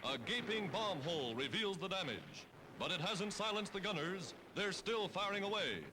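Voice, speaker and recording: A man with a high, expressive voice narrates a 1940s newsreel at normal speed in a dramatic, punchy announcer style. The old newsreel soundtrack has music underneath and background noise.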